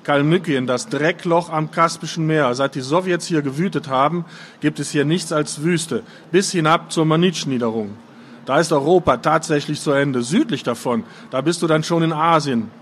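A man's voice: a little high, animated, normal speed, fairly bright tone, a little hiss or hum. A man voicing a scheming, mocking middle-aged Russian army veteran with a sneering, giggly manner. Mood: scornful.

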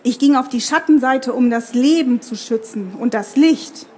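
A woman's voice: high-pitched, moderate pace, dark tone, husky. A woman voicing a determined young tree woman from a fantasy story, who speaks with firm, urgent earnestness.

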